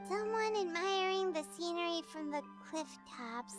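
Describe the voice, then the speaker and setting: A woman voicing a small, curious, childlike companion creature in video game dialogue, squeaky and chirpy. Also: lively intonation, moderate pace. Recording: game music behind the voice.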